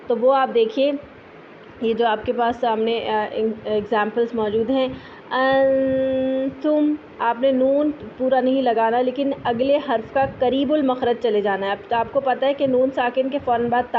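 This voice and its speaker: A woman patiently explaining Quran recitation rules, slowly drawing out each example word. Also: a little high. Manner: patient, explanatory, drawn-out filler sounds. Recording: thin phone-like audio with faint hiss.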